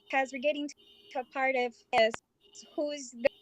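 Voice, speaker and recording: A woman calling in by phone, sharing spiritual thoughts in a halting, rambling way, with her volume cutting in and out and dropping words. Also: high voice, fairly even intonation, dry recording, low-quality recording. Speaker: participant calling in.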